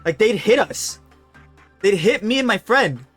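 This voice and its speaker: A man's voice: high-pitched, expressive, measured pace, a bit bright, slightly rough, soft background music. A young man streaming live, chatting casually and telling profane, rambling anecdotes.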